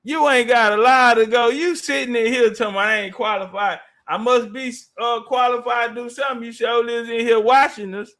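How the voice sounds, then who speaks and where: A man's voice: extremely high pitch, steady tone, a little fast, few pauses, fairly bright tone. A man hosting a live debate stream, confrontational and taunting in slangy speech, repeating phrases for emphasis. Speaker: live-stream panel host.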